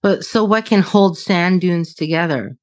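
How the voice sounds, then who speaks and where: A woman's voice: lowish voice, unhurried, no room sound. A woman in her late thirties, a podcast guest in casual chat, who swears freely, laughs often and restarts her sentences. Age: 30s.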